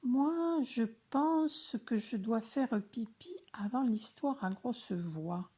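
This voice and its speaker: A grumpy little boy frog who complains about his blanket, as a woman reading aloud puts him on. The voice is high and childlike, with a soft breathy edge. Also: animated, takes it slowly, exaggerated voice.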